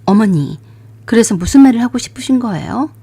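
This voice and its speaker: A young married woman who stays polite but will not back down, voiced by a woman in a radio drama. Her voice is mellow and soft-edged. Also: a little high, expressive, fairly quick, breathy edge, dry recording. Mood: indignant. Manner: polite, rising to indignant.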